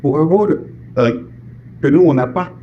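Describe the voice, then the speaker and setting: Telling dubbing stories as a guest in a casual interview, a voice actor and singer from France, whose family comes from Martinique, acts out the lines he quotes. He sounds fairly high and animated at a moderate pace, on a lo-fi recording with a little hiss or hum.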